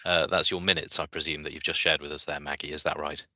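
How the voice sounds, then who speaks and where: A man chairing an online meeting, moving through the agenda with hesitant pauses and fillers. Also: rumbling low, little pitch movement, sharp tone, no room sound. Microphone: video call.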